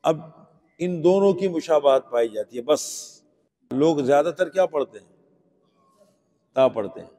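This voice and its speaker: Teacher drilling letter sounds in a hall. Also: male voice, a little high, pauses often, mellow. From Pakistan. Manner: patient, asks the class questions and drills letter sounds aloud. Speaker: Quran teacher. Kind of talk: classroom Quran pronunciation lesson. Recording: long hall reverb.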